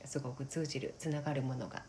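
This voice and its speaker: A woman co-hosting a casual wellness podcast, speaking gently and haltingly, often checking for agreement. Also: rumbling low, fairly even intonation. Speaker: podcast co-host. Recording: noticeable background noise.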